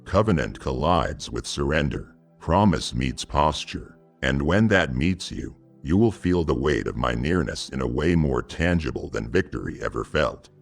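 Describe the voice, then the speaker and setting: Very deep gravelly male devotional narrator. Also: expressive, soft background music. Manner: solemn, measured, intimate address. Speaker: devotional narrator speaking as God.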